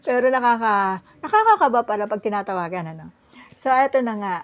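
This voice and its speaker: A middle-aged woman from the Philippines telling a personal story in a casual vlog. She talks in an animated way, often breaks into laughter, and restarts her sentences with many fillers. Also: a little high, brisk, dull audio. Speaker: vlogger.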